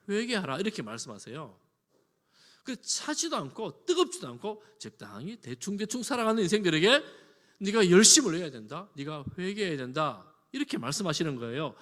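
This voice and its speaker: Lively, bright-voiced preaching pastor. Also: male voice, sits high. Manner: animated preaching, swinging between loud emphasis and soft asides; conversational, with homely examples and chuckles. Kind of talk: sermon. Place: church sanctuary. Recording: long reverb of a church hall.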